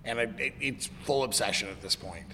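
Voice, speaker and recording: A man with a slightly gravelly smoker's rasp chatting casually and informally about music. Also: mid-range voice, a little fast, pushed and bright. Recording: reverberant room with background noise.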